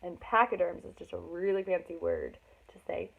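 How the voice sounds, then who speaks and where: With a fairly low, steady voice, some vocal fry and a moderate pace, a woman reads a children's story expressively, dramatizing it for young listeners and adding chatty asides. The sound is thin and phone-like, with slight background noise.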